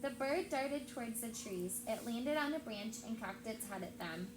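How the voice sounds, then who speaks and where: The recording comes from an echoey classroom with obvious background noise, where an elementary teacher reads aloud with expression and quizzes her pupils. She sounds animated, her voice pitched on the high side and her pace moderate.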